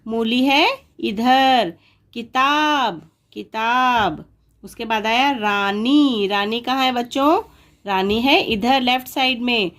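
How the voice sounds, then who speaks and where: A woman's voice: on the high side, takes it slowly, a bit bright. A woman teaching a worksheet lesson to young children, patiently sounding out words syllable by syllable.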